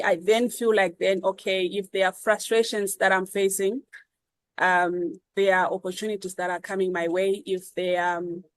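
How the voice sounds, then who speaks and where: Zimbabwean woman guest, earnest, fairly low-pitched, unhurried with frequent fillers. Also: no echo, rough recording. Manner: earnest, measured, many ums and repeats. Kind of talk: reflective interview answers.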